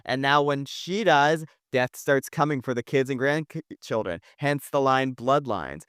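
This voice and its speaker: A man's voice: mid-range voice, unhurried, fairly bright tone, clean tone, no room sound, clean studio sound. A man co-hosting a podcast, talking casually and emphatically about movies, with lots of fillers and the odd swear. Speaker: podcast co-host. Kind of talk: casual movie review chat.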